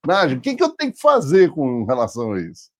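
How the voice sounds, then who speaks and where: A man's voice: medium pitch, wildly swooping pitch, fast, a bit bright. A man from Brazil hosting a casual business talk show, asking loose, rambling questions full of restarts. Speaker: podcast host. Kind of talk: casual interview chat.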